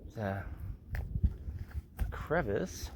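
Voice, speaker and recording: On a long-distance hike in the mountains, a thru-hiker vlogs into a phone he holds in his hand, rambling casually, laughing often, swearing now and then, and sometimes out of breath. His lowish voice is expressive, with drawn-out words, and there's slight background noise.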